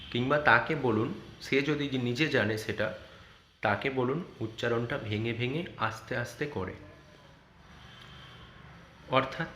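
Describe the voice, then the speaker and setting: A man speaking with a Bengali accent, a teacher patiently explaining to parents how to check a child's spelling, spelling words out letter by letter. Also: medium pitch. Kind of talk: online lesson guidance for parents and tutors. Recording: echoey room with faint background noise.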